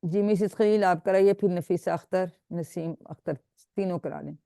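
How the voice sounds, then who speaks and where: A woman's voice: lowish voice, gravelly, mellow, no echo, studio quality. A woman teaching an online Quran grammar class, patiently drilling students and praising them. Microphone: video call.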